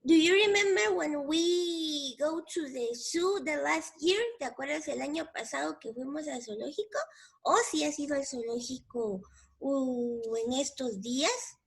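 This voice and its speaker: A woman's voice: high-pitched, measured pace, vocal fry. A woman teacher with a Mexican Spanish accent, giving a patient bilingual English lesson to young children and repeating each word in both languages.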